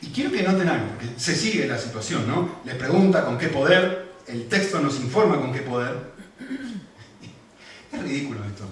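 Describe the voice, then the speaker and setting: A man preaching a sermon as pastor, animated and full of rhetorical questions, then soft when he tells personal stories. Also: mid-range voice, moderate pace. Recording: echoey hall, distant mic, faint noise.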